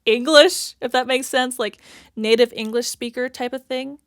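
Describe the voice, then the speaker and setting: A woman's voice: sits high, measured pace, dry recording. A woman chatting through a reaction video in a loose, rambling way, stopping often to hunt for the right word. Her speech is full of "like" and "if that makes sense." The sound is close and dry, with almost no room around it. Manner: thinks aloud, searching for words. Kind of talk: casual reaction commentary.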